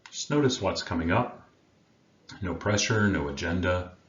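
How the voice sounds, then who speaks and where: A man with a strikingly deep voice guides a meditation, speaking slowly, soothingly, and expressively, with long pauses between gentle phrases. The recording sounds roomy and dull, slightly muffled, with faint background noise.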